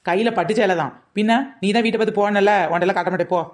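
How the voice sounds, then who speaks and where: A woman's voice: medium pitch, fast talker. A woman trading gossipy, defensive banter in a comedy skit. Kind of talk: comic village-gossip skit.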